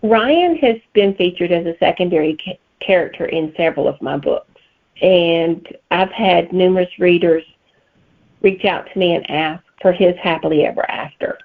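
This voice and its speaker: A middle-aged or older woman from Alabama, speaking with a Southern accent, answers interview questions as a guest author. Her voice is on the low side at a normal speed, and the line sounds tinny, like a phone.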